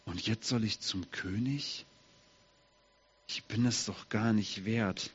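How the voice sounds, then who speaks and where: A man telling a Bible story in the first person as a lame, humble young man, asking his listeners questions in a slightly husky voice. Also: lowish voice, takes it slowly, highs cut off, voice pushed down, exaggerated voice. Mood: downcast. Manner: addresses listeners directly, asks them questions.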